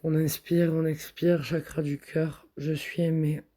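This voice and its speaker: A man guiding a chakra meditation, speaking soft, repetitive affirmations in the first person. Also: fairly high pitch, level tone, measured pace. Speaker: meditation guide.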